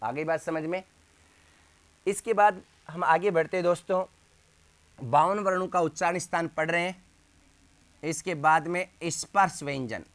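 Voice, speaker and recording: Slow, higher-voiced man teaching Hindi grammar. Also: fairly bright tone. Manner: drills sounds slowly, asks and answers his own questions. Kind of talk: classroom lesson.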